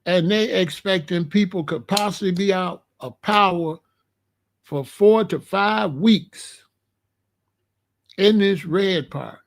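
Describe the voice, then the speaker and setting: Slow and gravelly with a high-sitting pitch, an older or middle-aged American video host cautions his viewers about weather conditions. The chat is casual and colloquial, and he repeats himself for emphasis.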